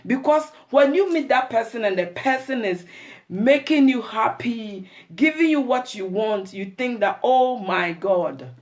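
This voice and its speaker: A woman's voice: on the high side, lively intonation, measured pace, a little mellow. Chatty Ghanaian woman hosting a live show. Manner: chatty, greets viewers by name, mixes in Twi; preachy advice to women. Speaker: talk show host. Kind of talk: live show chat with viewers.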